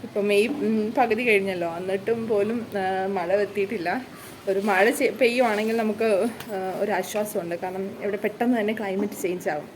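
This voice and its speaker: A woman vlogger with a Malayali accent narrates her day in a casual, homely, storytelling way. Her voice is medium-pitched with fairly even intonation and a moderate pace. The recording is rough, with a little hiss or hum.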